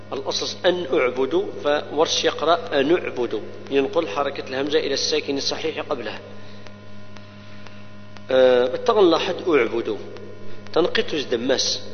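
A man teaching the rules of Quran recitation. He explains each rule step by step and recites the verses slowly, drawing out the words. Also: a little high. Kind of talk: tajweed lesson with recited verses. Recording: long reverb, dull lo-fi sound, mains hum.

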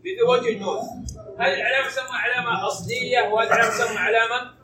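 Man, grammar teacher, very high voice, echoey classroom, mic far off, noisy. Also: fairly even intonation. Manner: quizzing students with rapid questions. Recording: echoey room, distant mic, background noise.

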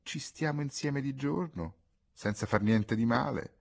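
A man reading the part of a cunning, evasive young woman in a soft, low, wheedling voice. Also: a little slow, vocal fry. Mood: coaxing.

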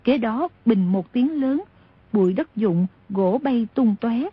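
A woman narrating a novel aloud in steady, expressive storytelling. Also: on the high side, takes it slowly, breathy edge. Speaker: audiobook narrator. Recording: dull lo-fi audio.

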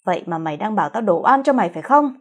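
A woman's voice: mid-range voice, expressive, very fast, natural voice. A woman voicing a spiteful older mother-in-law who screeches and scolds in a storybook reading. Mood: furious.

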